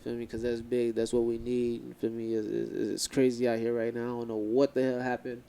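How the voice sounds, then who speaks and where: A young man co-hosting a podcast, chatting casually in animated slang and talking over his co-host. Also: medium pitch, brisk, creaky, clean tone. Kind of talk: casual chat.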